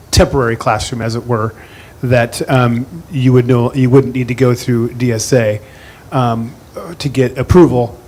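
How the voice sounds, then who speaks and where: Man, administrator at a public meeting, halting, filler-heavy, mid pitch, faint room noise. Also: a little mellow. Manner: hesitant, many fillers and restarts.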